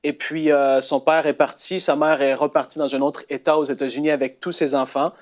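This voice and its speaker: Animated Québécois French man telling a story. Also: on the high side, brisk. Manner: animated, with many fillers and restarts. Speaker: co-host.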